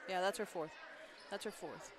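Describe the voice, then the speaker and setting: A woman doing play-by-play for a school basketball game, chatty and quick with her calls, with frequent agreeing hums. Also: lowish voice, fairly even intonation, crowd noise, background noise. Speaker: play-by-play announcer. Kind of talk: live basketball commentary.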